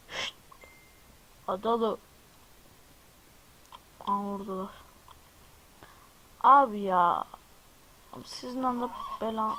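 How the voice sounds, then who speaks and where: A man's voice: high voice, pushed and bright, a little hiss or hum, low-quality recording. A man casually commenting while playing a game, talking to his viewers and exclaiming whenever something startles him. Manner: chatty, jumpy, exclaims at surprises and addresses viewers. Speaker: gaming video host. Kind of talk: casual let's-play commentary.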